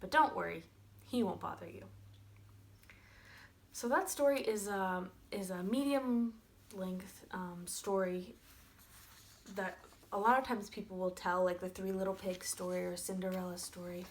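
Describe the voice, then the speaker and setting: A woman's voice: mid-range voice, a little slow, long pauses. Woman teacher telling kids a story. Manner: friendly, animated, with fillers. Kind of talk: storytelling lesson for children.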